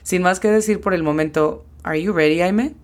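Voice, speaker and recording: A woman hosting a bilingual language lesson, explaining pronunciation patiently and step by step, slowing down to spell out sounds. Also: on the low side, a little mellow. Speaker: English teacher hosting a lesson podcast.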